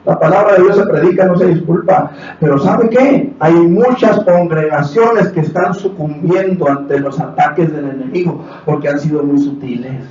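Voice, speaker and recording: A Mexican pastor preaches with passion, his voice sitting fairly high for a man. He acts out quotes and climbs to shouts. The church hall rings with heavy echo, caught from far off on a dull recording. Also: moderate pace. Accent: Mexican Spanish. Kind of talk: sermon. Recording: echoey hall from far off, dull, faint hiss.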